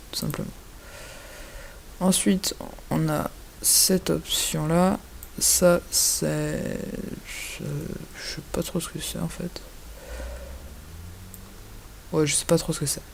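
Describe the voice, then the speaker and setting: A man giving a casual, hesitant software tutorial over a screen recording, filling his pauses with little interjections. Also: high voice, gravelly. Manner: hesitant, chatty, fills pauses with "hop" and "voilà".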